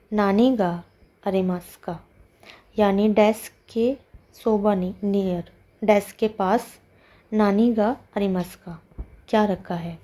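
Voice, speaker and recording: A woman with as her teaches Japanese from a textbook exercise. She talks at a slow, deliberate pace and draws out each word as she explains it. Her voice is soft and mellow, and her pitch sits in a middle range. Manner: slow, careful explaining, drawing out the Japanese words.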